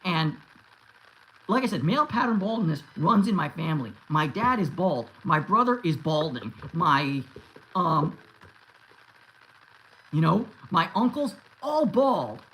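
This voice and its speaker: An American YouTube host in his thirties chats casually on a livestream, answering live chat and rambling with many restarts and fillers. His slightly high, fairly bright voice is very animated yet a little slow with frequent pauses, on a low-quality recording.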